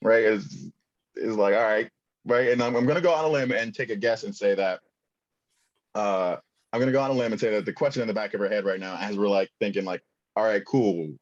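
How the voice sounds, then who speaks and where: A man's voice: fairly low pitch, fast, muffled recording. A young man presenting a conference workshop, talking casually with many fillers and asking the audience questions.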